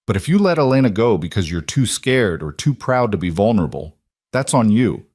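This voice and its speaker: A man's voice: on the low side, big pitch swings, a little fast, darkish tone, dry recording, clean studio sound. A man voicing a blunt male friend who speaks frankly and firmly. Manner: blunt, firm.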